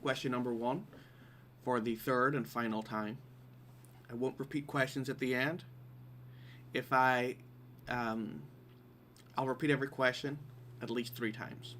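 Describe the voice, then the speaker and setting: A quiz host from Derry, Northern Ireland, speaks with a local accent as he reads questions aloud informally on a live stream, adding wry asides. His mid-range, fairly bright voice is steady and unhurried, with long pauses and a little hiss or hum in the recording.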